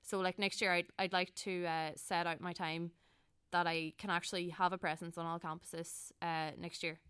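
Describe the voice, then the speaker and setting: A woman's voice: lowish voice, flat delivery, normal speed, fairly bright tone, smooth, no room sound, clean studio sound. A young woman with a Donegal Irish accent giving earnest, conversational interview answers as a student election candidate, often correcting herself as she goes. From County Donegal, Ireland. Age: young adult.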